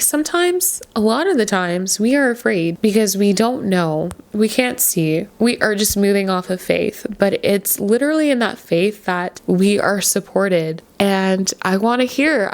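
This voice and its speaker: A young woman speaks to camera in a relaxed, heartfelt vlog, coaxing and encouraging her viewers. Her voice sits at a middling pitch with a noticeable fry and gravelly texture at the ends of phrases. She tells personal stories with animated energy. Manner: earnest, encouraging, animated storytelling. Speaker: spiritual coach and vlogger. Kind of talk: casual motivational talk to camera.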